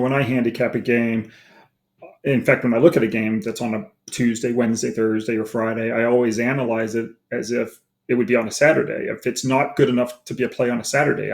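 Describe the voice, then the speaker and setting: A man who grew up on the East Coast, a sports handicapper talking through his approach in a measured, casual way. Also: mid-range voice, gravelly. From East Coast of the United States. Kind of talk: casual chat.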